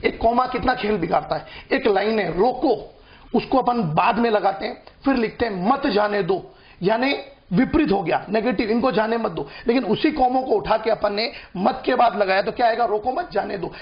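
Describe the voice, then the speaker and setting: A man's voice: sits high, a little fast, hardly any pauses. A man speaking as a party spokesman in a heated TV political debate, talking over his opponents and repeating his points. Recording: dull lo-fi broadcast audio.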